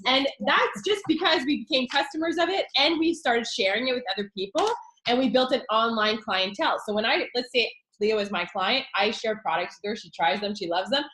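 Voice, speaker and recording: Woman hyped up pitching her biz, kinda high voice, lots of um and like, echoey room. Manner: excited, rapid, chatty with fillers. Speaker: network marketing consultant. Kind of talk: enthusiastic business pitch.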